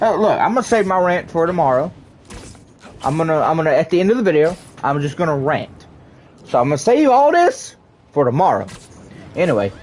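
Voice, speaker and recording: A young man streaming, chatting casually and rambling excitedly to his viewers, prone to ranting. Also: on the high side, a little hiss or hum. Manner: rambling, excitable, quick to rant.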